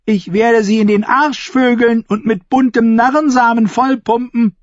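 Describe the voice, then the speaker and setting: A man voicing a crude, vicious male jester-outlaw who crows shrill, leering taunts. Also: steady tone, unhurried, no echo. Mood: lewd boasting. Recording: dull, lo-fi and dry.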